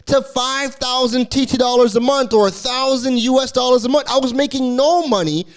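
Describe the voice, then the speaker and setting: A man voicing an over-excited coaching client who gushes breathless, fawning praise. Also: very high-pitched, moderate pace, voice pushed up. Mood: gushing.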